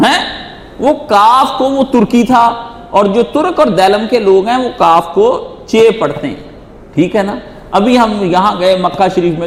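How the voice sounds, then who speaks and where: Emphatic high-voiced man in an echoey hall. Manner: emphatic and repetitive, acts out quoted voices. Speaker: Islamic teacher answering questions. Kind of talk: religious question-and-answer lecture. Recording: echoey hall with faint noise.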